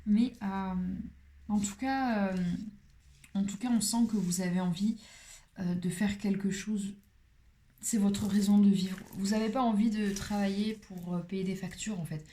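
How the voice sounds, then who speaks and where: A woman giving a casual tarot card reading. She talks in a chatty, playful way and often drops into soft whispered asides. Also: medium pitch, steady tone, a little slow, slight background noise.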